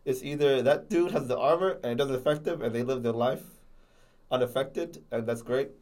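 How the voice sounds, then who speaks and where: A man's voice: medium pitch, moderate pace, a little mellow. Young male co-host, slight lisp, loose rambling delivery, casual talk. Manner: rambling, many restarts and fillers. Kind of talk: casual chat.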